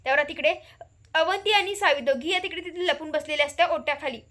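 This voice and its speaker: A woman's voice: sits high, fast, bright, forceful tone. A woman casually retelling the episode of a TV serial, chatty, with many fillers and quotes voiced in passing. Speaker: serial recap narrator. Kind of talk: casual spoken story recap.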